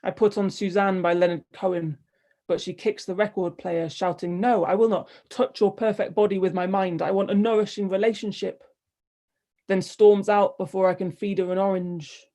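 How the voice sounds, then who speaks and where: A woman poet reading her poems aloud in a measured, wry delivery, with hesitant, rambling asides between them. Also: mid-range voice, steady tone, warm tone. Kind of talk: poetry reading with spoken asides.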